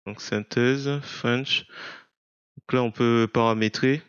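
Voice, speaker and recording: A man narrating an unscripted software screencast, explaining step by step in a hesitant, halting way. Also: medium pitch, steady tone, clear, resonant tone, dry recording, dull audio. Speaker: software tutorial presenter.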